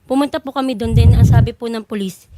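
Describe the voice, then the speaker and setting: A woman's voice: fairly high pitch, steady tone, fast talker, dark tone, slight background noise. A woman, a complainant eagerly and politely telling what happened.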